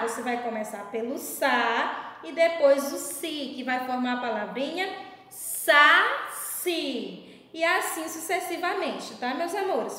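Slow, patient teacher woman in an echoey room. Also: high-pitched, fairly bright tone. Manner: slow, patient, sing-song teacher talk, stressing syllables. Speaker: primary school teacher. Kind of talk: video lesson for young children. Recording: very echoey room with long reverb.

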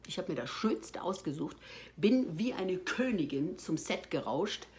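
A woman with a somewhat low voice recounts stories from a film set. Her delivery is theatrical: she swells to loud exclamations, then sinks to quiet, breathy asides. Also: a little slow. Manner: expressive, swings from loud outbursts to hushed near-whispers. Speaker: actress telling behind-the-scenes stories. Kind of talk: animated anecdotal storytelling.

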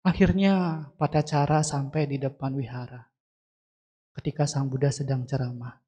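A man's voice: a little high, warm tone, breathy edge. A man, a Buddhist monk, telling a story in a sermon and turning to ask his listeners questions. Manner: storytelling, asks the congregation questions directly. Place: temple hall. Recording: dull lo-fi sound.

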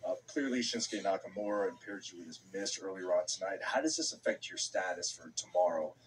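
A man in his forties conducting a backstage sports interview in a polite, measured manner into a handheld microphone. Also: low-pitched, distant mic, slight background noise, low-quality recording. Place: small backstage locker room.

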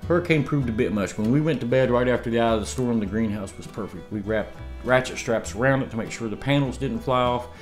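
He talks fast with few pauses, his voice mid-range, while faint music plays behind. The speaker is a fifty-something homesteading vlogger telling rambling stories in an easygoing chat, often laughing and restarting. He sits at his dining room table indoors, with the camera across from him.

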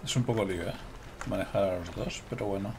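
Spaniard swearing through a gameplay commentary. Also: male voice, sits low, fast, creaky, darkish tone, a little hiss or hum. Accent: Spain Spanish. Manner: swearing, laughing, talking to viewers. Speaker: gameplay streamer.

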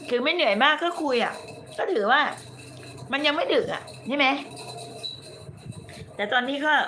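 A woman with a bright, forceful voice that sits a little high, speaking Thai with a Southern lilt blended with Bangkok speech. She chats casually with her fans on a late-night livestream from a room, and she is talkative, blunt and coarse-tongued. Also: slight background noise. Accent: Southern Thai mixed with Bangkok Thai. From Nakhon Si Thammarat, southern Thailand. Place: indoors in a room.

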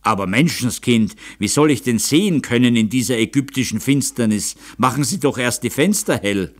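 A man's voice: medium pitch, animated, moderate pace, lightly acted. A man voicing a proud, impatient aging count who has just gone blind, speaking brusquely and commandingly. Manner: brusque, commanding, rising to anguish.

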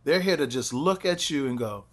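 A man's voice: a little high, normal speed. A male stand-up comedian from Chicago chatting on a podcast, telling road stories and acting out crowd voices. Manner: animated storyteller, acts out crowd voices. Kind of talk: casual podcast chat.

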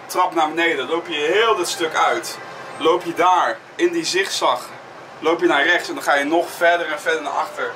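A man's voice: on the high side, fairly even intonation, moderate pace, bright, forceful tone, a little hiss or hum, poor audio. A man vlogging casually and giving informal, opinionated commentary while walking around outdoors.

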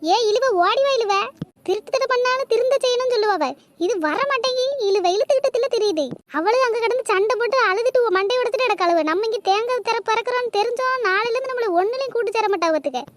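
A woman's voice: extremely high pitch, fast. A woman voicing a sly, gossiping village woman thief in a cartoon, calling out. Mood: impatient. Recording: noisy cartoon voice track.

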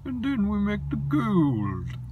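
A man voicing an odd little gold-making underground creature in a high, drawn-out, sing-song voice, heard a little away from the mic. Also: wildly swooping pitch, dull audio, background noise, full character voice. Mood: cheery, eager.

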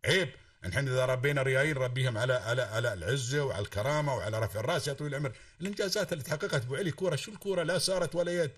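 A man's voice: medium pitch, racing, few pauses, a bit bright, far from the mic. A man with an Emirati Arabic accent speaks at a breakneck pace, pressing his point with one oath after another. He sounds set back from the microphone, in a dry space with no echo. His tone is a fervent call-in lecture. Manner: fervent, swears oaths, lectures emphatically. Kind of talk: impassioned call-in talk.

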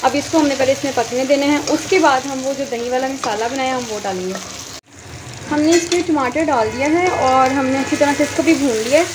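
A woman with a high-pitched, brisk voice gives chatty step-by-step cooking instructions straight to viewers from her home kitchen, phone held in hand. Loud frying sizzle and stirring sounds are heard in the background noise.

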